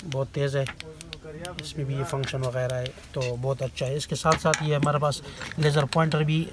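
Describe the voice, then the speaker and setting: Indoors in a small, cluttered market shop full of background chatter, a male shopkeeper casually shows his goods and gives prices. His voice is medium-pitched, level, and moderately paced.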